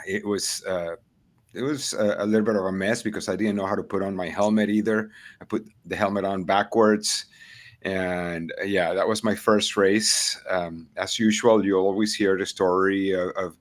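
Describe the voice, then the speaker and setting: Hesitant Venezuelan-born man, low voice. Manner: hesitant, many fillers and restarts, laughs easily. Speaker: triathlon coach, guest. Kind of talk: casual interview chat.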